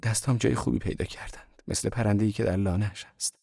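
A man's voice: on the low side, steady tone, creaky, mellow, breathy edge, dry recording, studio quality, voice pushed up. A man voicing a devout, anxious young woman, speaking in a pleading, emotional way in a storybook reading. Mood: tender.

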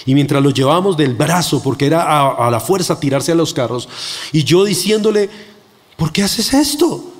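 A man's voice: fairly high pitch, fairly quick. Earnest male preacher in an echoing hall. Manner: earnest and emphatic, acting out quoted voices. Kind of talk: sermon with personal testimony. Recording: long echo of a large hall.

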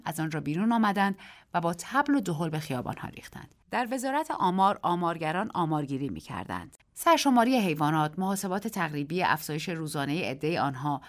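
A woman narrating a short story on a radio program in a measured, expressive way. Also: fairly low pitch.

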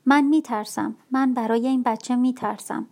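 A woman voicing a troubled young woman painter who speaks in a halting, anxious, pleading way. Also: fairly high pitch, fairly even intonation, creaky, darkish tone. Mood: fearful.

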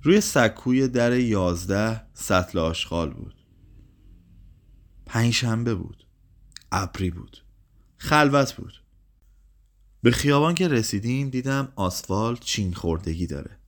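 A man narrating a literary short story in a calm, measured, subdued way. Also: fairly low pitch.

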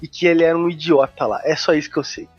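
A husky-voiced Brazilian man hosts in a casual, slangy way. His voice sits slightly high and his commentary is irreverent and comedic. The recording is a bit dull. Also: fairly even intonation, quick pace, soft background music. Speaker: podcast host.

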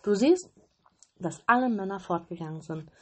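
A woman's voice: mid-range voice, lively intonation, moderate pace, husky. A woman voicing a willful, stubborn little robber girl in a fairy tale, in a demanding tone. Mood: bossy. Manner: bossy, demanding.

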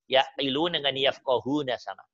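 A man teaching an online Quran study lesson over a video call. He drills his students with questions and gets emphatic, almost shouting on key points. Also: medium pitch, brisk, highs cut off, over a noisy crowd.

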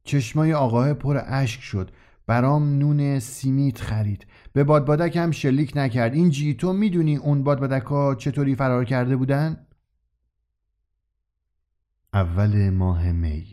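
A man's voice: medium pitch, dark tone. A man narrating a scripted story in the first person, speaking as a child.

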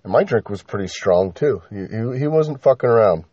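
A man's voice: on the low side, expressive, normal speed, warm tone. A man telling a story in a casual, rambling way on a podcast, swearing and using lots of fillers. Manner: rambling, profane, many fillers. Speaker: podcast host. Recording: slightly dull lo-fi with faint noise.

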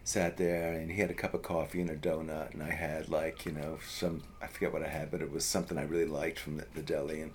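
A man's voice: very deep voice, level tone, quick pace, few pauses, slight background noise. Rambling New man telling a story. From US East Coast. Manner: rambling, many fillers and restarts. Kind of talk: casual storytelling.

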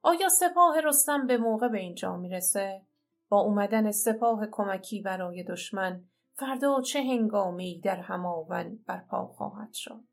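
A woman storyteller narrating an epic tale in a dramatic, measured way, reciting verse between prose. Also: mid-range voice, soft background music.

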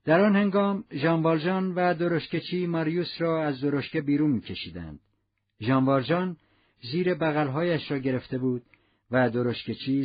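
A man reading a novel aloud as narrator, in a measured storytelling manner. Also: a little high. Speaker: audiobook narrator. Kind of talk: scripted narration. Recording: muffled lo-fi recording.

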